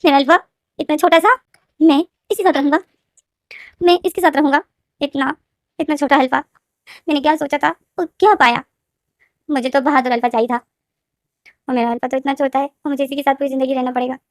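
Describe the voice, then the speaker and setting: A woman's voice: high voice, fairly even intonation, brisk, long pauses, no echo, clean studio sound, voice pushed up. A woman voicing a whiny, complaining young man in a retold story. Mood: disappointed. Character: young adult male omega, grumbling and disappointed.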